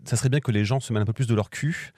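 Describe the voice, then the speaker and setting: A young man with a French accent chatting as a podcast guest, rattling along at a brisk clip. He talks in bursts, full of fillers and restarts. The sound is dry and close, with no room around it. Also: medium pitch, a little mellow, no room sound. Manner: quick, talkative, many restarts and fillers. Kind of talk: casual interview chat.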